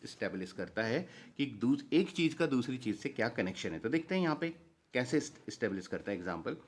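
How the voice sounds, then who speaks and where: In a grammar lesson, a man with a mid-range voice and an Indian accent reads English example sentences slowly and with care, going back over key phrases.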